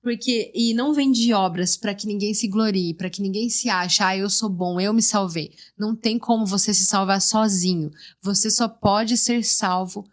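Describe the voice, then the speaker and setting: A woman's voice: mid-range voice, normal speed, few pauses. A woman hosting a podcast, giving an earnest devotional teaching and repeating her phrases for emphasis. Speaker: podcast host.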